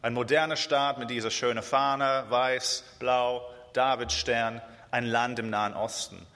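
A man's voice: medium pitch, fairly even intonation, pushed and bright. Earnest man preaching in a reverberant hall. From Israel. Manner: earnest, with frequent hesitations and slow emphatic repetitions. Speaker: guest preacher. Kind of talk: sermon.

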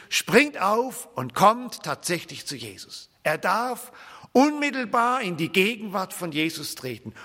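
A man preaching a sermon in a church, with emphatic, expressive delivery and frequent repetition. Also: high voice, gravelly, slightly rough. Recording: church hall reverb.

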